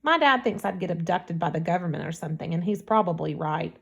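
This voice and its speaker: A woman's voice: lowish voice, fast, gravelly, a bit bright, slightly rough, dull audio, full character voice. A woman reading the part of an anxious, secretive invisible teenage boy in an audiobook. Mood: urgent.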